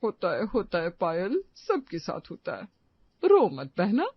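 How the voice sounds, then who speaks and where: A woman's voice: mid-range voice, huge pitch swings, measured pace, slightly rough, dry recording, muffled recording, full character voice. A woman playing a pushy, falsely sweet sister-in-law who consoles her relative. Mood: overbearing. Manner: consoling, overbearing.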